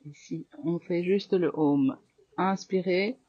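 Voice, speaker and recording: A woman with a French accent guiding a yoga class, giving calm, slow cues with breath counts. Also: fairly low pitch, breathy edge, no room sound, muffled recording. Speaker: yoga teacher. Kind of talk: guided yoga class instruction.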